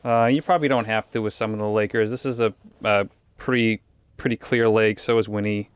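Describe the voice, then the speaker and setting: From a little ice fishing hut on a frozen lake, a man keeps up casual, meandering vlog chatter for his viewers. His fairly low voice holds a steady tone and moves along quickly and smoothly, picked up without echo by an action camera facing him.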